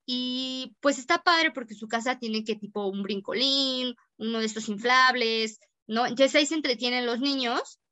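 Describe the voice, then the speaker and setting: A woman's voice: a little high, moderate pace, hardly any pauses, sharp tone, dry recording. A young Mexican woman co-hosting a podcast, telling a story in casual chat full of slang. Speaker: podcast co-host.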